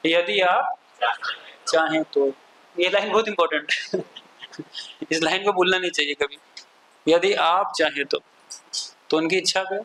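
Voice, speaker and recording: A man's voice: on the high side, pushed and bright, slight background noise, poor audio. A man with an Indian accent giving a scripture class, mixing Hindi and English and quoting Sanskrit verses. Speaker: spiritual teacher.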